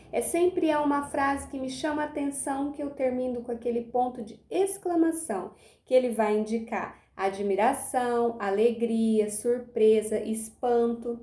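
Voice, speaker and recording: A woman's voice: fairly high pitch, dark tone, reverberant. A woman teacher gives a remote lesson to young pupils, stretching her words and checking in often. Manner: patient, drawn-out words, often asks "tá bom?". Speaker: primary school teacher.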